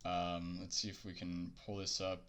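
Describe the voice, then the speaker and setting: A man's voice: deep voice, monotone, normal speed, a bit bright, smooth. A young man vlogging casually about his poker bankroll, rambling with many fillers and a little out of breath after a workout. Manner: rambling, filler-heavy, laid-back. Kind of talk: casual chat to camera.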